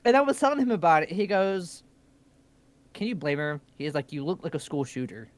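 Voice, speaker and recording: A young live-stream co-host spins stories in casual, animated chat, cursing freely as he goes. His voice leans high and keeps a moderate pace.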